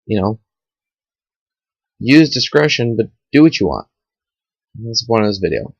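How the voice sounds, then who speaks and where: A young man rambles in a chatty, casual way, full of fillers and restarts, his voice sitting a bit low. The sound is dull and lo-fi, as if from a built-in webcam mic, with a dry, close feel. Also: big pitch swings, moderate pace, breathy edge, no room sound. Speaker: vlogger. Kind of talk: casual motivational talk to camera. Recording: dull lo-fi home webcam audio.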